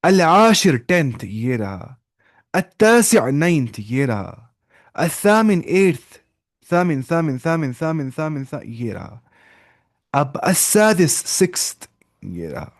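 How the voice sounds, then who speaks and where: A man's voice: on the high side, big pitch swings, dry recording. Patient male Arabic teacher, dry sound. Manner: explains slowly, switching between Urdu, Arabic and English, often repeating words. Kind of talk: online class teaching.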